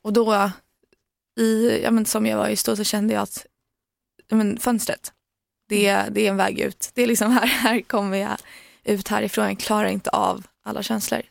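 A young woman speaking slowly and quietly about her own painful experience in an interview. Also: medium pitch, level tone, vocal fry, no echo, studio quality. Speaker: guest, daughter. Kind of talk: personal account in interview.

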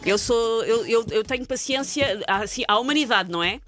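A woman's voice: on the high side, fairly quick, a bit bright, soft background music. A woman host with a European Portuguese accent, ranting sarcastically in comic chat-show banter.

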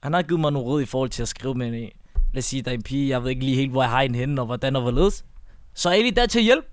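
A man's voice: mid-range voice, expressive, clear, resonant tone, no echo. A man co-hosting a podcast, hesitant and restarting his sentences often. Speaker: podcast co-host. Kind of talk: casual banter with slang.

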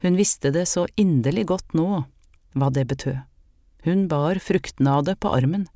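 Measured audiobook narrator, middle pitch, dry close recording. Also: mellow, no echo. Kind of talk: scripted narration.

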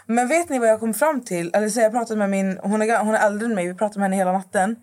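A woman from the Middle East, a guest influencer on a podcast, talks casually and rambles, restarting sentences as she searches for words. Her voice is medium-pitched and a little mellow.

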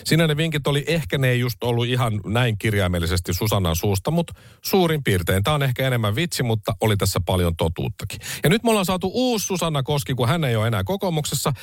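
A man's voice: medium pitch, very animated, no echo. Sarcastic podcast host guy, voice swings up and down a lot, dry close mic. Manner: sarcastic, mocking, conversational. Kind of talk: satirical political monologue.

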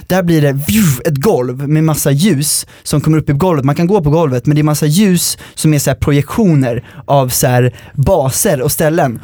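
A man with a fairly high voice recorded close and dry, chatting casually on a podcast. He tells long stories in an animated way, swearing freely and jumping around as he goes. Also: dry recording. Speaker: podcast host. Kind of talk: casual chat.

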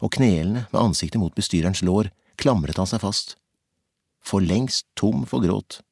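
Low, husky man reading an audiobook. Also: darkish tone, dry recording, clean studio sound. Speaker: audiobook narrator.

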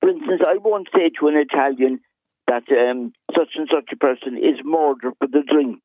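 A man with a Cork accent speaks in a slightly high voice, explaining his views in an articulate, conversational way. He is a caller on a radio show, heard through a narrow, dry telephone line. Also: moderate pace, dry recording. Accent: Cork Irish. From Cork, Ireland. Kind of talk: conversational opinion.

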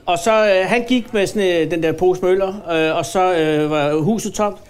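A man's voice: high voice, smooth. A man in his fifties, a podcast host, telling a story in casual chat with many fillers and hesitations. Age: 50s.

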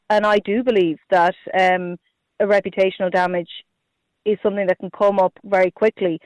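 High-pitched man with west of Ireland accent. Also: dry recording, highs cut off. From Galway, Ireland. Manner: hesitant, repetitive, heavy use of "you know" and "like". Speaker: politician, party representative. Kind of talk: radio interview answers.

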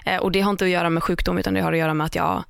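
A woman's voice: fairly low pitch, steady tone, creaky, clean tone, no echo, studio quality. A woman co-hosting a casual podcast chat, talking in a loose, rambling way with lots of fillers and restarts. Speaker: podcast co-host.

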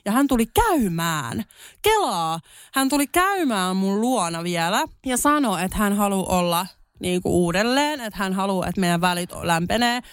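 A young woman with a Finnish accent, mixing in English words, co-hosting a podcast and telling a story in casual chat, her voice jumping high when she gets indignant. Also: animated, clear, resonant tone, no echo, clean studio sound. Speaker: podcast co-host.

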